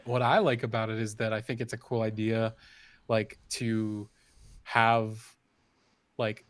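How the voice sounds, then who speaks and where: A man's voice: on the low side, no room sound. A man co-hosting a design podcast, chatting casually in an easygoing way and laughing often. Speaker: podcast co-host. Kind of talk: casual chat.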